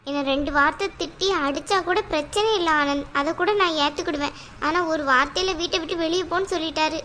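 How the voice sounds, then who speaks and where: Cartoon role: fiery young wife, high, piercing voice, voiced by a woman. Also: fast, a little hiss or hum. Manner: complaining, sharp-tongued. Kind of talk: cartoon voice acting.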